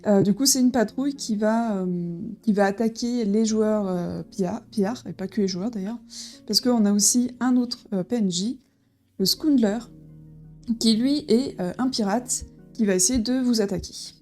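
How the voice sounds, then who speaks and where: A woman talks through a board game she is unboxing, in a casual, halting way full of fillers and restarts. Her voice sits at an ordinary middle pitch. Soft background music plays faintly behind her. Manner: hesitant, many fillers and restarts.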